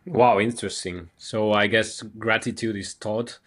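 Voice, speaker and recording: A man's voice: lowish voice, steady tone, measured pace. A man from Europe hosting a casual interview and asking friendly questions. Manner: friendly, asks questions with fillers. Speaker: host.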